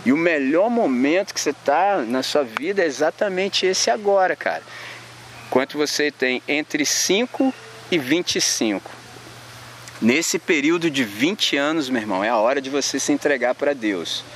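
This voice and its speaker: A man's voice: fairly high pitch, expressive, normal speed, a bit bright, a little hiss or hum. A man with a Brazilian accent preaching to young people in slangy everyday talk, acting out little scenes as he goes. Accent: Brazilian Portuguese. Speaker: youth preacher. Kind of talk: informal sermon to young people.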